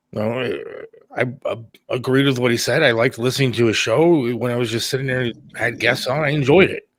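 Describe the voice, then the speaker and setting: A middle-aged radio producer and talk show host speaks candidly and casually on a talk show, plain-spoken and a little defensive. His medium-pitched voice has a fairly bright tone with no room sound.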